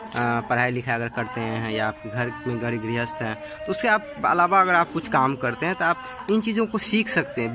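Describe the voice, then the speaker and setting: A man hosting a gardening video, explaining step by step as he works outdoors and films on a handheld phone. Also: on the high side. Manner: explains step by step, repeats "dekhiye" and "theek hai". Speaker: gardening channel host. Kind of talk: casual how-to narration while working. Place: outdoor garden with potted plants. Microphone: handheld phone camera.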